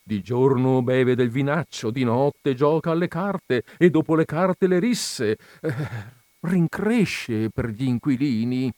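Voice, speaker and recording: A man's voice: mid-range voice, lively intonation, slow pace, darkish tone, dry recording. A man voicing a harried middle-aged landlord who complains plaintively and deferentially.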